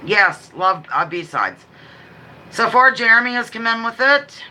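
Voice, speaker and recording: A woman hosting a casual live stream, chatting quickly and reading out trivia questions with rambling, apologetic asides. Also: on the high side, expressive, pushed and bright, slight background noise, poor audio. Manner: talks quickly. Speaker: livestream host running a trivia quiz. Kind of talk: casual live chat with read-out quiz questions.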